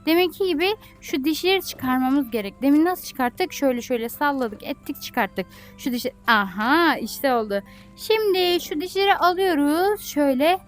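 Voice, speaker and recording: A woman giving playful gameplay commentary as a YouTuber. She is excitable and breaks into squeals and shrieks of alarm. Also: high voice, normal speed, soft background music. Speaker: gaming YouTuber.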